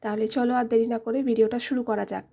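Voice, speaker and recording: A woman, a teacher hosting a children's English lesson. She speaks directly to the kids in a friendly way, spelling words letter by letter and repeating them slowly. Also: a little high, little pitch movement, gravelly, warm tone. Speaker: teacher and channel host.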